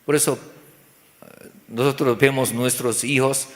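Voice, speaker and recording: A man's voice: mid-range voice, steady tone, measured pace, long reverb tail. A man preaching a sermon in simple, broken phrases, asking rhetorical questions and acting out little dialogues. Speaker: pastor. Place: church.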